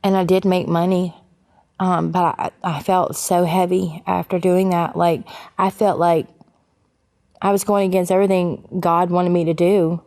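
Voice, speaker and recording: Woman, gravelly and a bit low, candid testimony with lots of fillers and restarts. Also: flat delivery, unhurried, darkish tone. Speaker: interviewee sharing her life story. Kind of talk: personal testimony.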